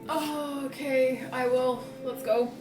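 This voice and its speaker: A woman's voice: high-pitched, steady tone, slow, far from the mic. A woman playing in a tabletop game, cheerfully describing what her character does. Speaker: player. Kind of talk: tabletop role-play chat. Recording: roomy sound with music behind.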